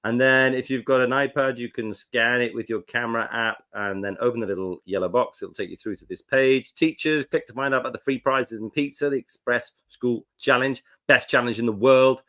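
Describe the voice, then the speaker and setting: A man's voice: mid-range voice, fairly quick, few pauses, sharp tone. A man from North Wales co-hosting a live lesson in a casual, jokey presenting style.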